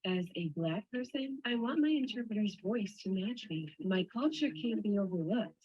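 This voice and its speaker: Woman voicing a translation over signing, breathy, steady and earnest, muffled lo-fi video audio. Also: mid-range voice, moderate pace. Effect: spoken translation voice-over for a signing person. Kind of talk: voice-over interpreting a first-person account. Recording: dull lo-fi sound from a played video.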